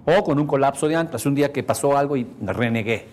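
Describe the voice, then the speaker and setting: Animated Mexican motivational speaker. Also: male voice, medium pitch, brisk. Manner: animated, storytelling, asks the audience questions. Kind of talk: motivational seminar talk.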